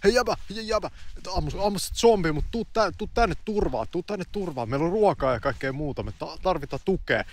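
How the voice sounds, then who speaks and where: A man's voice: on the high side, expressive, few pauses, pitched above the performer's own voice. A man voicing a young man urgently calling a stranger in from a balcony.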